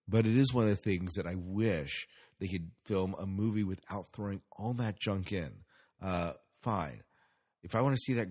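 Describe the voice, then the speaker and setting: A podcast host with a low, husky voice offers casual solo commentary. He rambles and hesitates, often repeating his own phrases.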